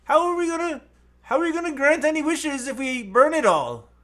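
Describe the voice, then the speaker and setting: A man's voice: extremely high pitch, expressive, fairly quick, a bit bright, voice pushed up. A man voicing a jolly male leprechaun in an exaggerated put-on Irish accent, hearty and bold.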